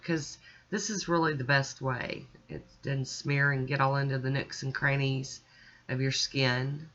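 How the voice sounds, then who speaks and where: A woman's voice: a bass voice, bright, forceful tone, dull audio. A woman chatting casually as she talks the viewer through her nail art, step by step. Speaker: nail art channel host.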